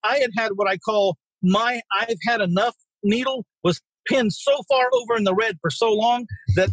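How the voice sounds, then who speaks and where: A man's voice: very high voice, big pitch swings, normal speed, fairly bright tone, no echo, low-quality recording. A middle-aged man, a guest on a real estate podcast, telling stories bluntly with some salty language. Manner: blunt and salty, with mild swearing. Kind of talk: casual interview storytelling.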